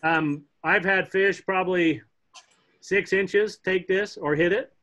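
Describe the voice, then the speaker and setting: A middle-aged man teaching a casual online fly fishing class from home, chatty and relaxed, joking with the kids as he shows flies on a webcam. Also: sits high, slow pace. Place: home room, indoors. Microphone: laptop webcam on a video call. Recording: dull lo-fi video call audio.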